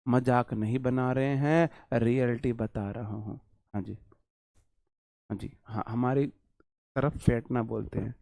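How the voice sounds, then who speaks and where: A man's voice: medium pitch, steady tone, a little slow, vocal fry, long pauses, darkish tone, dry recording, clean studio sound. A young man teaching English vocabulary in a casual classroom lecture, joking and repeating lines for emphasis.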